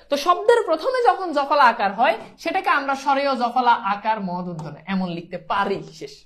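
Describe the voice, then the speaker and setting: Lively, high-voiced woman teacher. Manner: repetitive, coaxing, keeps asking students if they understand. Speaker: Bangla teacher. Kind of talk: online pronunciation lesson.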